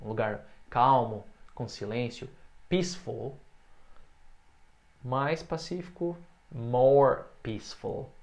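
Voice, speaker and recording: A Brazilian man teaching English comparatives, switching between explanations and slow, careful example phrases for his students to repeat. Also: mid-range voice. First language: Portuguese. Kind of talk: online language lesson.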